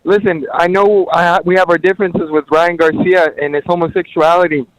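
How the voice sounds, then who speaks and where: A man calling into a talk show by phone while driving, talking fast and blunt with casual swearing. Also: high voice, flat delivery, poor audio. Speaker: caller to a call-in show. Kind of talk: casual call-in chat.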